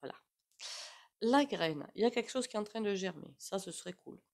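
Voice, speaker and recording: A woman's voice: medium pitch, lively intonation, fairly quick, creaky. A woman with a regional French accent giving a casual, rambling tarot reading to her viewers, with frequent "hein" asides. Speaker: tarot reader.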